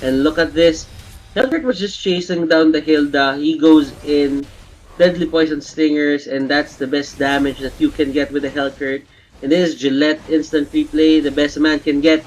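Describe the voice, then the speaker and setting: A man doing live play-by-play commentary on an esports match, shouting high and excited in big plays. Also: normal speed, low-quality recording. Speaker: esports caster.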